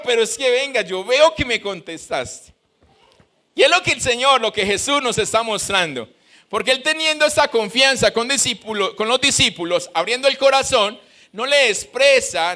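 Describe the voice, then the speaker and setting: High-pitched bright-voiced Colombian pastor preaching. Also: male voice. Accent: Colombian Spanish. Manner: animated preaching, acting out quoted voices. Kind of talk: sermon.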